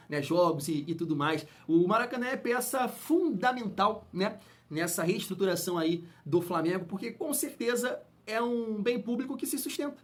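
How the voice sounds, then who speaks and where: A man hosting casual football commentary, opinionated and heated, speaking straight to his viewers. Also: high voice. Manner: opinionated, heated, colloquial, addresses fans as family. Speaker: football channel host.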